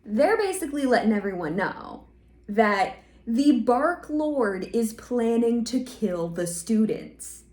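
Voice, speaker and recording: A woman hosting a comedic reaction video, talking in a sarcastic, animated way. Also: on the high side, slow. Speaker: video host. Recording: roomy echo.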